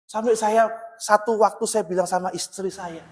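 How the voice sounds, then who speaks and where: A man with a notably high voice preaching to his congregation, telling a story with animated emphasis and frequent direct address. His voice rings out through a large church hall with a long, trailing reverb. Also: moderate pace. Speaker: pastor. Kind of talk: sermon.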